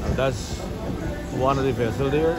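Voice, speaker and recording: A man's voice: medium pitch, normal speed, loud music behind the voice. A middle-aged man with a Guyanese accent giving chatty, upbeat vlog commentary while filming on a phone held at arm's length outside a busy wharf. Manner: chatty, upbeat, Creole-tinged phrasing. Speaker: vlogger. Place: busy outdoor wharf street with trucks. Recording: outdoor street noise behind.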